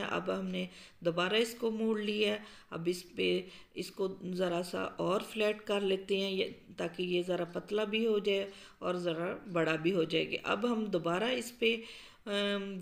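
Gravelly-voiced woman explaining a recipe. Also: medium pitch. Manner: calm, explanatory, with frequent um fillers. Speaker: cooking show host. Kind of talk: step-by-step cooking instructions. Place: home kitchen.

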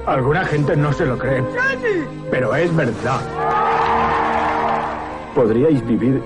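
A man's voice: medium pitch, slow pace, natural voice. An actor playing a simple, good-hearted, earnest man with a naive, plain-spoken manner in a dubbed film. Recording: film trailer with loud music.

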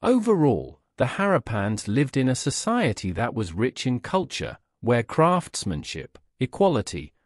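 A man narrating a documentary script with measured, careful delivery. His pitch moves a lot, rising and falling through each sentence. The sound is close and dry, with no room around it. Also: huge pitch swings, dry recording.

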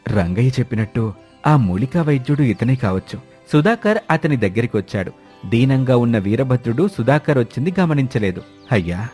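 A male narrator reads a cartoon storybook in a steady, clear voice of middle pitch. His tone is even and easy to follow. Soft music plays faintly behind him.

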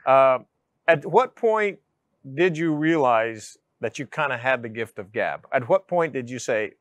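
A middle-aged man hosting a studio interview, relaxed and chatty, with lapel mic. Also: medium pitch, a little slow, no echo. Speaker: talk show host. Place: city studio set with sofa chairs.

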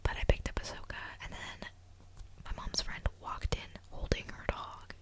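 A woman in her twenties softly whispering an ASMR vlog very close, right in your ear, chatting casually in a rambling, confiding, hesitant way. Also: moderate pace. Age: 20s. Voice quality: soft unvoiced whisper. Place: small dim room at home, indoors. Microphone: desktop condenser microphone very close to the mouth, binaural.

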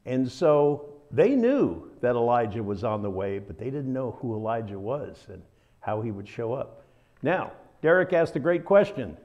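A man's voice: mid-range voice, very animated, normal speed, dull audio. A man with a Southern American accent teaching a Bible study in a conversational, folksy way, full of asides.

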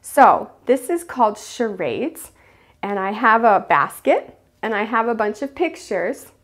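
A woman teacher explaining a classroom game for small children, acting out the children's shouts and whispers. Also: fairly high pitch, unhurried. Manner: animated, acts out children's voices. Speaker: preschool teacher. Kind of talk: teaching demonstration.

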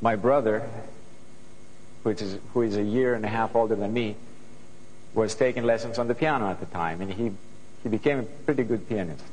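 A man's voice: fairly low pitch, moderate pace, pauses often, darkish tone, in a large hall, slight background noise, poor audio. A middle-aged man with a Greek accent, speaking earnestly to a student audience on a studio stage through a lapel mic and often restarting his sentences. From Greece. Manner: earnest, thoughtful, with frequent restarts. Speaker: guest composer.

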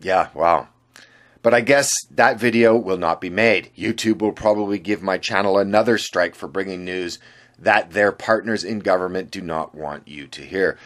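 A man with a fairly low voice reads his scripted commentary straight to the listener. His delivery is sardonic and indignant throughout. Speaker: channel host. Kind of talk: scripted political commentary voice-over.

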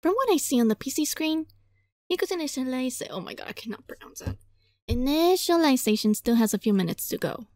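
This high-pitched woman speaks fairly quickly, dramatically reading a visual novel as she plays and reacting with casual, animated, good-natured exasperation, sometimes flubbing words. The audio is studio quality with no echo.

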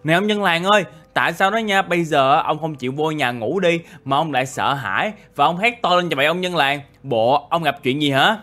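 A young man with a slightly high voice, narrating a game story in a lively, chatty way full of surprised exclamations. Faint music plays softly under his talk. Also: brisk, hardly any pauses. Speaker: gaming YouTuber.

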